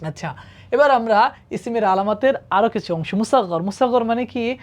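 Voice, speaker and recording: A woman's voice: fairly high pitch, normal speed, darkish tone. A woman teaching Arabic grammar to students in a classroom-style lesson, patiently asking them questions and checking that they follow. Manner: patient, asks the class questions and often checks with "ঠিক আছে?".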